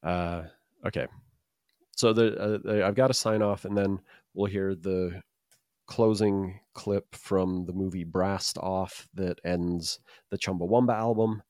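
A man with a low voice chats casually as a podcast host. He rambles and hesitates, gently mocking himself. The sound is dry, with very little room in it. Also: steady tone, measured pace, no echo. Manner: hesitant, rambling, self-deprecating. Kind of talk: casual chat.

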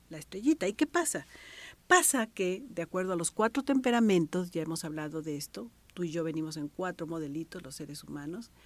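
A woman in middle age with a Mexican accent leads a workshop on the radio, her voice sitting a little on the low side. She is expressive, dropping into soft whispers and then lifting into bright exclamations. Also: no echo. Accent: Mexican Spanish. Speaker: thanatologist giving a workshop.

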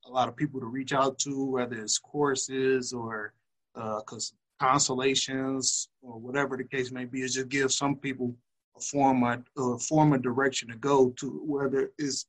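A man's voice: mid-range voice, flat delivery, moderate pace. A man interviewing a podcast host in a casual way, repeating words as he builds his questions. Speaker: guest interviewer.

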